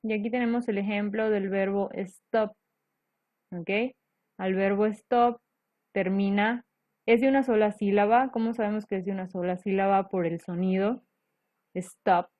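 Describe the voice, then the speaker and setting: A woman's voice: mid-range voice, fairly even intonation, measured pace, no room sound. A woman teacher explaining grammar rules step by step, patiently checking in with her students. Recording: dull lo-fi dry recording.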